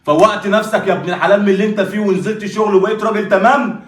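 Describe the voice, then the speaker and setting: A man's voice: high-pitched, steady tone, racing, echoey room, close to an everyday voice. A man with an Egyptian accent playing a stern older brother who lectures his sister's husband, insisting and repeating himself. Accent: Egyptian Arabic. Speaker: actor in a skit. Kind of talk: sketch acting.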